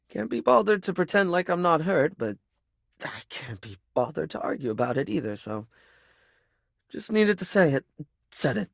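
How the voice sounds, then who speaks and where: The clip has a man performing a theatrical, self-deprecating young male makeup character from a dating video game, flamboyant but insecure, stammering in a breathy, creaky voice. He sounds drained and hurt, his exaggerated voice a little high, recorded at studio quality with no echo.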